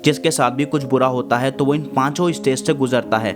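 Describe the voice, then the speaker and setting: A man's voice: medium pitch, steady tone, a little fast. A man hosting a self-help talk, patiently explaining ideas step by step with everyday examples. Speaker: self-help channel host. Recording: voice over guitar background music.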